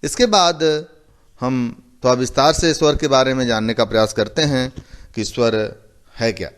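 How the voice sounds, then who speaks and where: A male teacher giving a slow, methodical lecture, repeating each term and explaining it with simple examples. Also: medium pitch, clear, resonant tone. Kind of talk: recorded classroom lecture.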